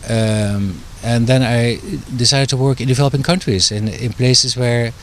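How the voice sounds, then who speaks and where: A middle-aged man speaks in an interview and picks his words slowly, with many restarts and fillers. His voice sits at an ordinary male pitch. A faint noise runs under the recording. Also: fairly even intonation. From Netherlands. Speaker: guest, author and doctor.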